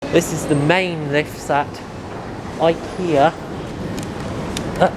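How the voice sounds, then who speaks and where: This is a lift enthusiast touring the lifts in a store, commenting casually on the equipment in brief factual remarks. Their mid-range voice holds a steady tone and goes extremely slowly. The sound is echoey and noisy, as inside a lift.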